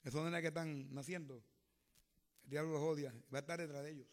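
A man preaching a fervent sermon, swinging from hushed to loud. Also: fairly high pitch, fairly even intonation, brisk.

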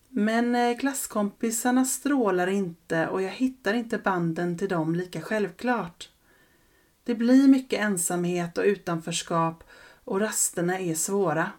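A woman narrating a first-person childhood story in a calm, reflective way. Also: medium pitch.

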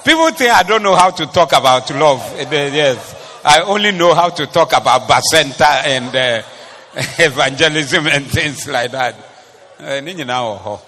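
Animated preacher in a ringing hall. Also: male voice, fairly high pitch, normal speed. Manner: animated, teasing, talks straight to the congregation. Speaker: pastor. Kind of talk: sermon. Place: church. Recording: long reverb of a church hall.

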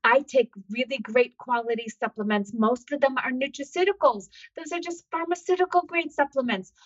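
A woman's voice: high voice, moderate pace, highs cut off. An American woman doctor hosting a podcast, talking in an upbeat, motivational way with many fillers. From United States. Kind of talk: solo podcast talk.

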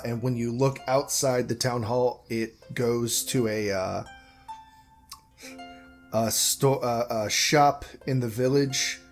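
A man narrating as game master of a tabletop game, meandering and correcting himself as he goes. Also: medium pitch. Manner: slow, meandering, self-correcting.

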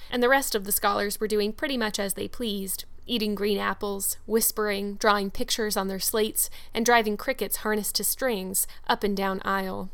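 Smooth-voiced woman reading a classic story. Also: mid-range voice, fairly bright tone. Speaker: audiobook narrator. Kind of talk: scripted storybook narration.

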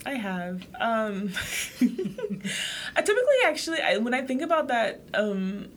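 A woman's voice: fairly high pitch, very animated, unhurried, a little hiss or hum. A young woman from Haiti co-hosting a podcast, talking openly and reflectively in casual chat with many fillers. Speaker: podcast co-host.

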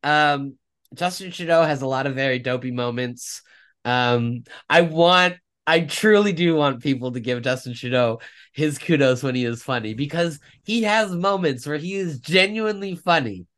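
A man's voice: fairly high pitch, normal speed, fairly bright tone. A man co-hosting a casual political podcast, rambling and correcting himself as he talks, often laughing at his own stories. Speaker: podcast co-host.

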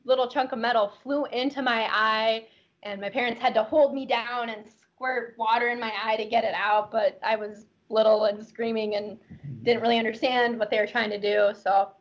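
Twenties woman chatty and a bit high, muffled lo-fi audio. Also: steady tone, normal speed. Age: 20s. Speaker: co-driver guest. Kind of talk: casual storytelling. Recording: dull lo-fi recording.

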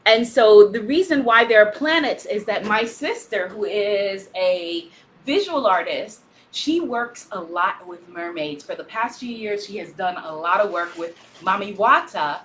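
A loud, exuberant woman hosting a live stream as an author, reading out viewer comments and cheering often. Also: medium pitch, animated, measured pace, a little hiss or hum. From Guyanese-Caribbean family. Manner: frequent laughter, cheering chants.

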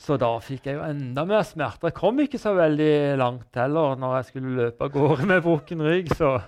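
A middle-aged man giving an earnest personal testimony in an interview, halting with many restarts. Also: on the high side, darkish tone. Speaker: guest telling his testimony.

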